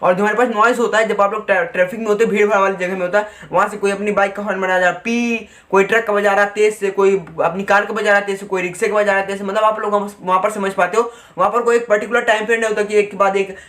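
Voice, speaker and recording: Man, physics tutor, high voice, quick delivery. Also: little pitch movement, a bit bright. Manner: chatty teaching in Hindi-English mix, reads textbook lines slowly. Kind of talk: online physics lesson.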